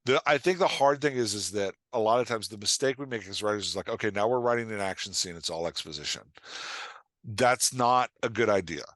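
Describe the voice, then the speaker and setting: On a casual podcast, a writing coach appearing as a guest talks briskly in a lowish, somewhat bright voice, recorded dry. He gives advice emphatically, acts out imagined lines, and checks in with "right?".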